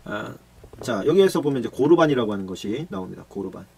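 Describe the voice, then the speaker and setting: A man, a pastor, giving a lively Bible study lecture and acting out the scenes he explains. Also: medium pitch, quick pace, vocal fry, a little hiss or hum. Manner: animated, acts out disciples and Jesus in shouted voices.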